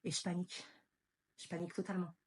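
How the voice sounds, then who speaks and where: A woman's voice: lowish voice, little pitch movement, fast talker, slightly rough. Blunt, emotional woman vlogger. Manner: blunt and emotional, with slang and swearing. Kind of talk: candid casual storytelling.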